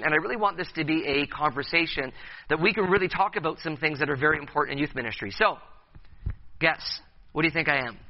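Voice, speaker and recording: Talking to youth leaders at a conference session, a thirtysomething man stumbles through fillers and restarts while joking around with the crowd. His voice is fairly high in pitch, and the audio has its high frequencies cut off.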